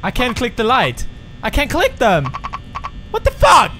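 A man's voice: extremely high pitch, huge pitch swings, unhurried, noisy background. A man giving sweary reaction commentary on a video game.

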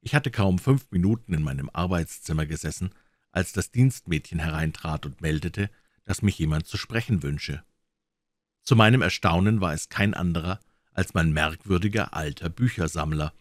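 A man's voice: deep voice, no echo. A man narrating a classic detective story as an audiobook reader. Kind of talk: scripted narration.

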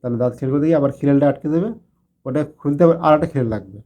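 A man's voice: on the high side, very fast, highs cut off. A man casually telling a funny personal anecdote, chatting straight to his listeners with questions. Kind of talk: casual spoken storytelling.

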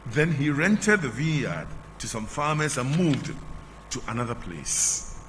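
A middle-aged man with a Ghanaian English accent, a canon reading the gospel and preaching, in measured phrases that fall at the ends, through a lectern microphone at a church altar. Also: mid-range voice, big pitch swings, fairly bright tone. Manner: measured, drawn-out phrasing with falling line endings. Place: large church sanctuary at the altar. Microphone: lectern microphone, face mask on. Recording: long church reverb, faint hum.

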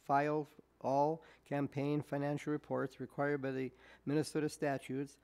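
At a school board meeting, a man with a slightly high, somewhat mellow voice reads out official resolutions through a desk mic in a meeting room, pacing himself carefully and deliberately.

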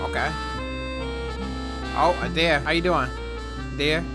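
A young man commentating a video game casually, with loud, profane, joking reactions. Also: on the high side, fairly even intonation, takes it slowly, over loud music. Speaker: gaming streamer.

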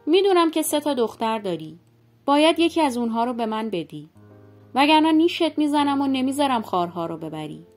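A woman's voice: high voice, expressive, soft background music. A woman voicing a male talking snake in a folk tale, speaking in a demanding, threatening way.

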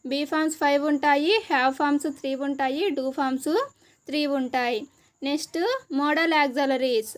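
High-voiced Telugu-accented woman teacher. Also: steady tone. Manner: slow, deliberate listing of terms one by one. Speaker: exam prep teacher. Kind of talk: explanatory lesson for exam preparation.

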